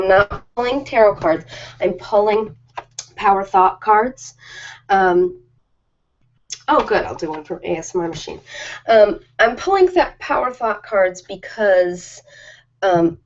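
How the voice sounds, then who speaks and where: A woman who hosts ASMR and ritual videos ad-libs on a live stream, rambling casually and poking fun at herself. Her medium-pitched voice is a little mellow. The live-stream audio is lo-fi and slightly dull.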